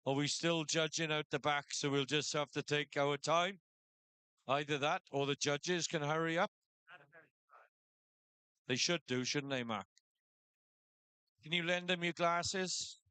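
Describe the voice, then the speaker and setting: Bright, very clear male event announcer. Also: fairly high pitch, steady tone, measured pace, pauses often, no room sound. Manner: rallying announcer, repeats competitors' names and stand numbers. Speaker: live announcer at a sheep shearing competition. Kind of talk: live event commentary and announcing.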